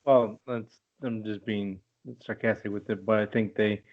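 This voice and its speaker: A man co-hosting a casual podcast, blunt and sarcastic and quick to swear. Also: on the low side, steady tone, narrow, tinny audio. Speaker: podcast co-host. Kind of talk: casual chat.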